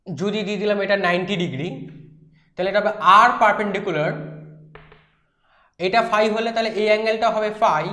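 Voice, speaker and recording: A woman's voice: mid-range voice, a bit bright. A woman teaching physics who works through derivations step by step, asking questions aloud and checking with her students. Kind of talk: whiteboard lecture. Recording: echoey room.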